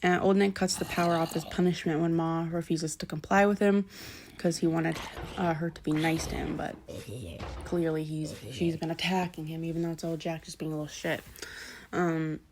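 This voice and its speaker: A woman's voice: sits low, flat delivery, normal speed, darkish tone, a little hiss or hum. A woman casually retelling a novel's plot as a vlogger, rambling with lots of fillers, backtracking to correct herself and swearing offhandedly. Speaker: book vlogger.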